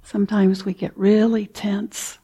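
Meditation teacher, female; slow, soft delivery with long pauses, breathy and mellow tone. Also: medium pitch, flat delivery. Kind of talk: guided meditation.

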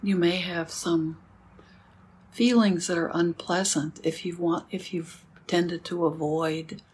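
A woman leading a guided meditation as a teacher, speaking calmly and gently with unhurried pauses. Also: on the low side, a little hiss or hum.

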